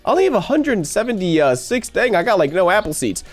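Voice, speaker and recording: A man's voice: sits high, very animated, a little fast. A man hosting a gameplay video, talking to his viewers in a chatty, upbeat way with a stuffy nose from a cold. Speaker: gaming channel host. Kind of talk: gameplay commentary.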